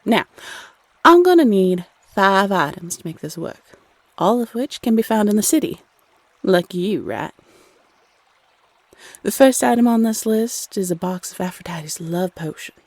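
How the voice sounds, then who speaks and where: A woman's voice: mid-range voice, lively intonation, unhurried, long pauses, dry recording. A woman playing a playful, teasing Cupid, a bossy love goddess who chats sassily and uses pet names in an audio roleplay. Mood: brisk, sly. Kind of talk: scripted audio roleplay addressed to the listener.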